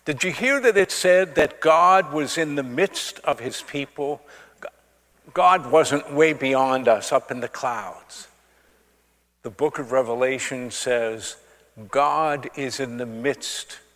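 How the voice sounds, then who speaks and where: Male priest, middle register, unhurried liturgical delivery, big reverberant cathedral sound. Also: mid-range voice, a bit bright. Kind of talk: liturgical Gospel reading and homily. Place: large church. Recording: long cathedral-like echo of large space.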